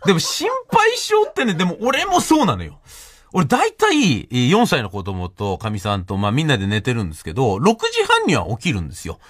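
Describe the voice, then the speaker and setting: A man's voice: mid-range voice, wildly swooping pitch, fairly quick, fairly bright tone, no room sound, clean studio sound. A man hosting a radio show, telling a comic story in a solo monologue, laughing often and acting out the voices he quotes.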